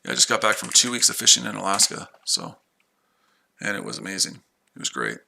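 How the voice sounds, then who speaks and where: Somewhat low and very animated, this man's gravelly voice is brisk, pushed and bright, with slight background noise. He's an American livestream trader from the United States who chats casually with viewers while trading, rambling and repeating himself.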